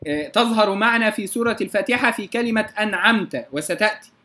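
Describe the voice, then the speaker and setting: A man teaching tajweed, explaining the rules and slowly reciting examples to show them, then checking that his students follow. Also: high voice, a bit bright. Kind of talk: tajweed lesson.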